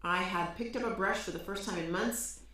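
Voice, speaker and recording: A woman co-hosting a live stream in casual chat, her voice boomy with reverb as if she were talking into a trash can. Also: brisk, pushed and bright, far from the mic. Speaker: livestream co-host. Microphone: far-off computer mic on a live stream. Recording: echoey boxed-in sound with faint hiss.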